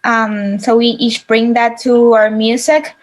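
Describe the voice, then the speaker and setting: A woman with a fairly high voice speaks in a friendly, casual way, padding her sentences with fillers. She is a musician in a Q&A. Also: level tone, measured pace. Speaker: band member. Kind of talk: casual Q&A answer.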